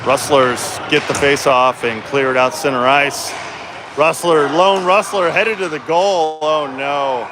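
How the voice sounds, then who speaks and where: A man's voice: on the high side, a little slow. A man doing casual, colloquial live play-by-play hockey commentary, his voice echoing in a noisy indoor rink. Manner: informal, colloquial, chatty with exclamations. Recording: echoey noisy rink, ambient clatter. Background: clear rink noise and ambience.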